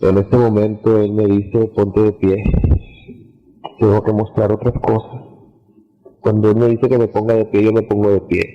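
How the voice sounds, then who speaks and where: A man preaching a testimony of a vision, speaking in a slow, halting, heartfelt way, on a dull lo-fi recording with long reverb. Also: lowish voice, little pitch movement. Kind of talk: testimony sermon.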